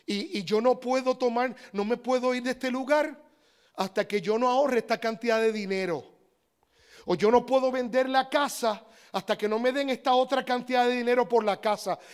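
A man preaching a sermon, animated and talking straight to his listeners, swinging between loud and hushed. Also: extremely high pitch, normal speed, smooth.

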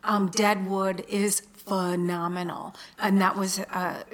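A woman's voice: medium pitch, level tone, slow pace. A chatty woman talking casually, laughing often and restarting her sentences. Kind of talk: casual chat.

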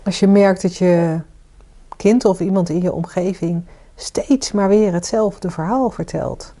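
This woman co-hosts a podcast and coaches, and she keeps the conversation casual, warm and inviting, asking her listeners questions. She speaks in a lowish voice at an unhurried pace.

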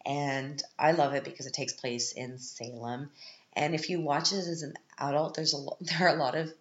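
Congested and scratchy-voiced, a woman in her thirties rambles casually on her home podcast, laughing often. Her voice sits low and steady at a normal speed, captured in a roomy, dull, lo-fi recording.

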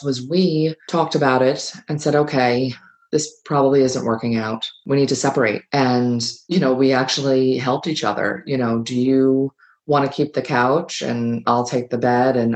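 A middle-aged woman hosting a talk show, chatting casually about change and acting out what family members say in quick little voices. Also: rumbling low. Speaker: podcast host. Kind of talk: casual advice monologue.

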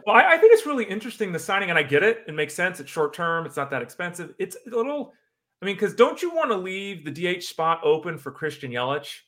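A man co-hosting a casual sports talk show, quick and exasperated, rattling off names. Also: sits high, big pitch swings, fairly bright tone. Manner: quick, exasperated, rapid-fire lists. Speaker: podcast co-host.

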